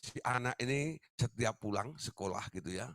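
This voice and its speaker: A man's voice: medium pitch, animated, normal speed, a bit bright, dry recording, clean studio sound. A man preaching a teaching sermon, talking directly to his listeners and often tagging his sentences with "ya". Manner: addresses listeners as "Saudara", tag-question fillers.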